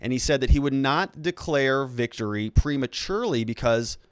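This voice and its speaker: A man hosts a live political commentary stream in a smooth, clean voice. The recording is dry and close, and he talks conversationally, drifting into asides as he goes. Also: medium pitch, animated, moderate pace, dry recording.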